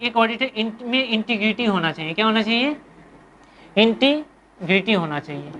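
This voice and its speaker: A woman's voice: a little high, fairly bright tone. A woman with an Indian accent teaching a commerce class, asking questions and answering them herself and repeating key terms. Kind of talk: classroom lecture.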